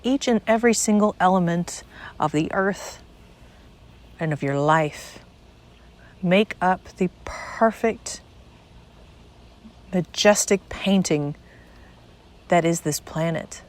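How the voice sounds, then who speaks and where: Leading a guided meditation, a woman with a slightly low voice speaks very slowly and deliberately. She sets short phrases apart with pauses in a measured spiritual monologue.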